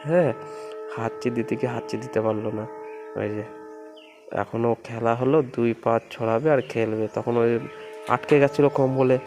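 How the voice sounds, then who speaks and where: A man filming his baby at home on a phone and talking gently through it in a casual vlog, repeating himself as he describes what the baby does. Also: mid-range voice, fairly even intonation, normal speed, pauses often, music in the background. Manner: gentle, repetitive running commentary, coos to the baby. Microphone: phone camera.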